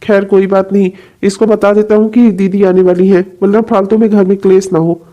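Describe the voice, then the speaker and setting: A woman voicing a troubled young husband in a cartoon, brooding and quick to anger. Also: mid-range voice, little pitch movement, highs cut off, close to an everyday voice. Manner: brooding, then shouting in anger. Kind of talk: cartoon voice acting.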